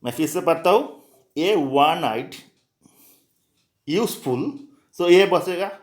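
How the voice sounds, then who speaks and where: A male teacher goes over grammar rules for exam students, repeating example words one at a time. He speaks slowly, patiently and expressively, in a voice that sits a little high.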